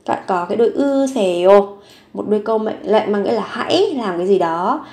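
A woman teaching Korean vocabulary, slowly repeating each word and example sentence. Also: medium pitch, animated, a little mellow. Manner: slow, careful repetition of each word. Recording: echoey room.

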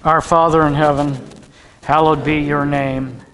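A man serving as pastor, leading the liturgy and preaching in a measured, emphatic way, heard in a long cathedral-like echo. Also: fairly high pitch, flat delivery, a bit bright. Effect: long cathedral-like hall echo. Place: church sanctuary. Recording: reverberant sanctuary with congregation. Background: congregation.

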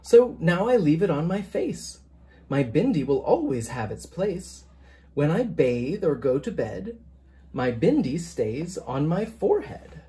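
A teacher reads a children's picture book aloud, gentle and deliberate, with an expressive sing-song lilt in a mid-range voice.

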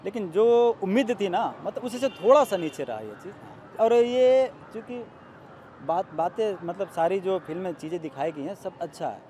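A man with a mellow, raised voice explains his take on a film in a measured, careful way. The recording is outdoors, with faint street noise. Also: high voice, lively intonation. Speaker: moviegoer giving a film review. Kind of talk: street vox-pop interview.

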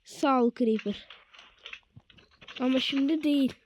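A woman comments on her own gameplay in a relaxed, unhurried way, her voice sitting a little high. She swears constantly and fires off short, blunt exclamations in slangy street talk, like a streamer chatting to viewers. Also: noisy background.

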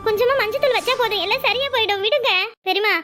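A woman's voice: extremely high pitch, rapid-fire, sharp tone, soft background music, voice pushed up. A woman with a Kanyakumari Tamil accent voicing a stubborn, devoted young woman in a cartoon, earnestly brushing off worry.

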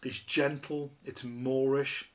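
A man's voice: mid-range voice, little pitch movement, slow. A chatty man in his fifties. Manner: chatty, rambling, self-deprecating, many ums and you-knows. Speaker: beer reviewer. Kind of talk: casual beer review to camera. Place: small living room, indoors, seated at a table.

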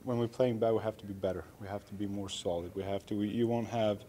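A man in his thirties, a hockey player, answering reporters after a game in an arena press room, halting and self-critical with many restarts. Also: lowish voice, fairly even intonation, dark tone, slight background noise. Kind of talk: post-game media interview. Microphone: media microphones close up.

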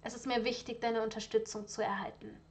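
A woman's voice: a little high, little pitch movement, brisk, lightly acted. Woman reading a defiant young aristocrat. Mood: firm. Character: proud young aristocratic son, firm and defiant. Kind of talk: storybook reading.

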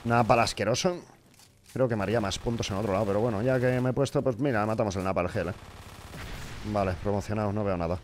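A man's voice: fairly low pitch, fast talker, background noise. A young man, commenting live on his own gameplay, frustrated, swearing often and talking to the game. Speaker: gaming streamer.

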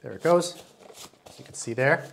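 A man's voice: medium pitch, moderate pace, creaky, fairly bright tone, slight background noise. A man in his forties doing a casual, enthusiastic product review, talking while he handles and demonstrates the item indoors. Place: small indoor room with wood-panel wall.

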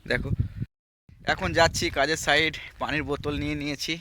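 Bright-voiced chatty man vlogging. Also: steady tone, a little fast, slight background noise. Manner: chatty, explains step by step to viewers; lowers voice to talk quietly. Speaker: vlogger, migrant farm worker. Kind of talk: casual explanatory vlog. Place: outdoors on a date farm.

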